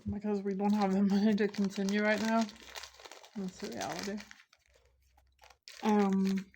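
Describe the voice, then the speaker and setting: A woman's voice: mid-range voice, level tone, unhurried, darkish tone, a little hiss or hum. A young woman vlogging casually from home, talking candidly and venting about her frustrations while snacking. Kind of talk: casual vlog chat. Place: indoors at home.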